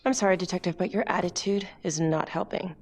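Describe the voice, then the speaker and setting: A woman's voice: on the low side, fairly even intonation, a little fast, soft background music. An actress voicing a composed female district attorney who questions people in a formal, poised way. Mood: firm.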